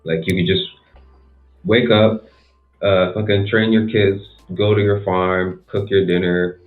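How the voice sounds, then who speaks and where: A man's voice: low voice, little pitch movement, a little slow, faint music behind. A man talking as a podcast guest over an online call, rambling and packing his sentences with fillers. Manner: rambling, full of "like". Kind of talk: casual chat. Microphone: laptop mic on an online call. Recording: tinny laptop mic.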